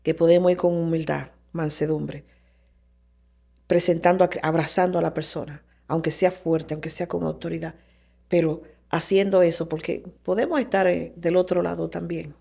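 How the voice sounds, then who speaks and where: A woman's voice: fairly low pitch, normal speed, vocal fry, breathy edge. Fervent woman sharing a faith testimony. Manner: animated storytelling, acting out quoted voices; preacherly and fervent. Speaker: guest.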